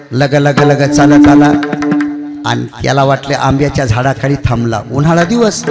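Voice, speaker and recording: A man from the Marathwada region preaching a devotional kirtan sermon with stories, singing verses and switching between loud declaiming and hushed asides in a temple hall. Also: medium pitch. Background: tabla and music.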